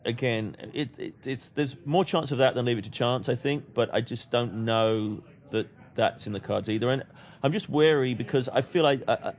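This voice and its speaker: A man's voice: mid-range voice, normal speed. A man from England, raised in London, talking casually as a guest on a podcast, rambling with frequent restarts and repeated words. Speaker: comics writer guest.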